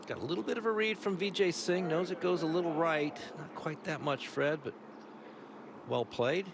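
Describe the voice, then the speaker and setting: A man's voice: on the high side, moderate pace. A man giving conversational golf commentary as an analyst, reading each shot and putt. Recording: clear outdoor ambient noise behind.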